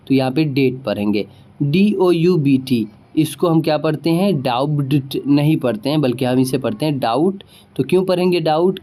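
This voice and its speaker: A man's voice: fairly high pitch, warm tone. A man teaching spelling rules. He asks rhetorical questions, answers them himself and often checks whether his students understood. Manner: spells out words letter by letter, slowly. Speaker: English teacher.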